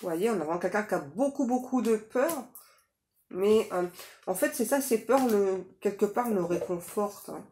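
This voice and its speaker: A woman's voice: mid-range voice, expressive, moderate pace, mellow. A woman giving a casual psychic reading to viewers, talking in a chatty way with many fillers and tag questions. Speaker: psychic reader. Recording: echoey room, faint noise.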